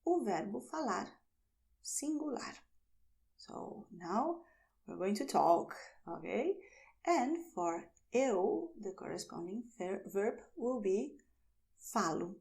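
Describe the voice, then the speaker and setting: A woman teaching a language lesson, saying phrases slowly and then explaining them. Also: medium pitch, very animated, creaky, a little mellow. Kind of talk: slow, clear language lesson.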